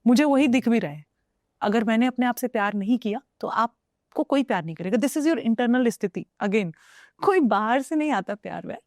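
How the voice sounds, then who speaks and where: A woman's voice: on the high side, darkish tone, no echo, clean studio sound. A young woman from Uttar Pradesh, India, speaking as a guest in a casual conversation. She is reflective and moves between Hindi and English as she talks.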